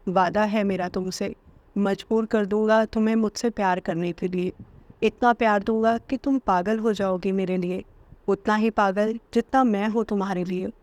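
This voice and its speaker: A woman's voice: mid-range voice, steady tone, moderate pace, a little mellow, no echo, natural voice. A woman voicing a possessive, short-tempered young husband in a storybook narration, in her own everyday voice. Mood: stern.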